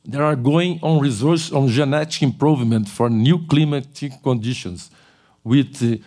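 Halting man giving a lecture. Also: medium pitch, a little mellow. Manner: halting, with frequent restarts and self-corrections. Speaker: keynote speaker. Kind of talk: conference lecture. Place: large auditorium on a stage. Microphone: podium microphone.

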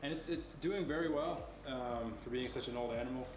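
A young man in his twenties casually showing and explaining snakes in an indoor reptile room, relaxed and knowledgeable, with many fillers. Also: medium pitch, brisk, distant mic. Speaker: facility owner giving a tour. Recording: echoey room, off-mic, music behind.

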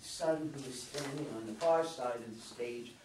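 Stage directions at a play reading are voiced here by an older man with a mid-range, darkish tone and a normal speaking speed. A distant camera mic captures him in the long-tabled meeting room, so the audio sounds roomy, with room noise behind it.

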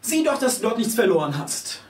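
A man voicing a shrill, scolding old grandmother who wails and frets, in an echoey room away from the mic. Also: big pitch swings, fairly quick, distant mic. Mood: pleading. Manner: wailing, shrieking, fretful.

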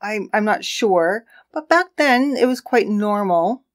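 A woman co-hosts a casual true crime podcast and tells the case story. She talks in a relaxed, chatty way and laughs often. Her voice sits at an ordinary middle pitch. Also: unhurried.

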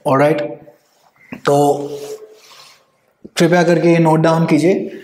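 A man's voice: a little high, little pitch movement, very fast, darkish tone. A man in his thirties with a North Indian accent, lecturing emphatically at a whiteboard as an exam coach and tossing out rhetorical questions. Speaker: law exam coaching teacher. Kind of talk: whiteboard lecture mixing English and Hindi. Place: indoor room at a whiteboard. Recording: echoey room.

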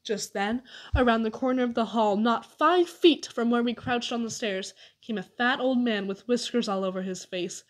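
Expressive woman reading a storybook. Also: fairly high pitch, moderate pace. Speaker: audiobook reader. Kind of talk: storybook narration.

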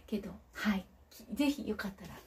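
A local politician with a Kagoshima accent hosts a casual livestream, reading viewer comments aloud in a chatty, self-teasing way and laughing between remarks. Her mid-range voice is slightly mellow with lively intonation, she speaks slowly, and there's a little background noise.

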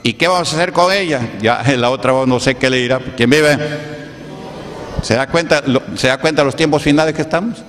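A Pentecostal pastor, preaching a sermon and peppering it with rhetorical questions to the congregation. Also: male voice, on the high side, brisk, fairly bright tone, slight background noise. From Peru. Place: church hall. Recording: echoey church hall.

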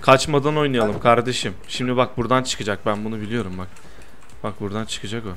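A young man doing lively gameplay commentary, teasing his friend and protesting loudly to his viewers. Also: fairly low pitch, fast talker, slight background noise. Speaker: gaming YouTuber.

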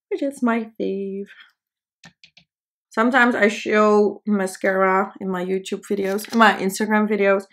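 A young Dutch beauty vlogger sits close to the camera in a small indoor studio, chattily talking through her makeup routine as she applies it and poking fun at herself. She speaks English, not her first language, in a mid-range, slightly bright voice that often slides into a gravelly fry.

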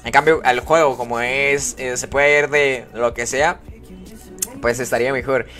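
With faint music playing behind him, a man runs a casual live game stream, chatting with followers, greeting them by name and reading their comments aloud. He speaks at a medium pitch and a measured pace, his tone steady yet sharp.

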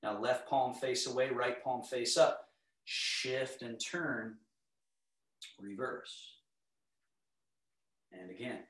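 A middle-aged man teaching tai chi, giving calm, serene, step-by-step movement cues in a measured way. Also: mid-range voice. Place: indoor home living area. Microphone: camera across the room. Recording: echoey room, distant microphone.

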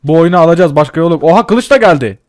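A young man with a fairly high voice commentates a game in a casual, excitable way, often breaking into laughter and curses. His voice sits close and dry, with no room sound. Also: racing, no room sound. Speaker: gaming channel host.

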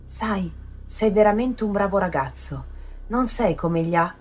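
A woman voicing an unhinged young woman in a horror story, shrill and mocking, swinging from sweet to cruel. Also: takes it slowly, breathy edge.

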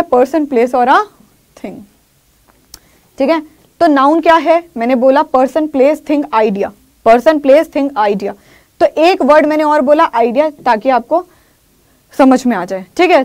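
A woman teaching English grammar in Hindi. She says English example sentences slowly, repeats key phrases and keeps checking in with her students. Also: sits high, darkish tone.

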